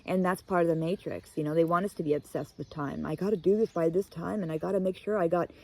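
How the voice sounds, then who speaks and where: A tarot reader with a fairly low, warm voice gives a casual, heartfelt reading, talking quickly, rambling and getting emotional with her viewers. The audio quality is poor.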